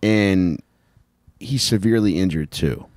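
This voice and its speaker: A man's voice: deep voice, moderate pace, a little mellow, no echo. A man co-hosting a podcast, joking and cursing as he tells the story. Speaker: podcast co-host. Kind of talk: casual chat.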